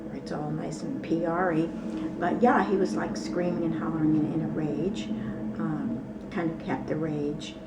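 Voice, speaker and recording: A woman with a low, gravelly voice tells a long story in a loose, rambling way, stopping often for fillers and side remarks. She sits a little back from the mic, and a faint hiss of room noise runs under her words. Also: steady tone, measured pace, recorded from a distance. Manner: rambling, with many fillers and asides. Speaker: interview guest. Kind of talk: casual storytelling.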